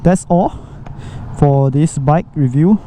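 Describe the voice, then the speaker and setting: A man's voice: a little high, takes it slowly, mellow. Muffled Singaporean man talking inside a helmet. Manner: colloquial, rambling delivery with local particles and exclamations. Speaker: motorcycle vlogger. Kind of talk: casual motovlog chat. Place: outdoors, riding a motorcycle inside a helmet. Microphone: microphone inside a motorcycle helmet. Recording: muffled helmet mic, road and engine noise. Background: traffic and vehicle noise.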